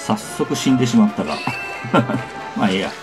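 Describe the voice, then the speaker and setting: A man's voice: fairly low pitch, lively intonation, moderate pace. A man doing casual live game commentary, chatting to viewers and muttering to himself as he plays. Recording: loud game music behind voice. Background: game music and sound effects.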